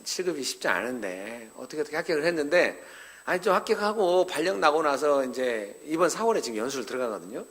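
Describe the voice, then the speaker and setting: A man's voice: a little high, very animated, quick pace, a bit bright. Man preaching in a storytelling way. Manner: conversational storytelling, acting out dialogue; addresses the elderly congregation directly. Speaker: pastor. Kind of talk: sermon at a parents' seminar.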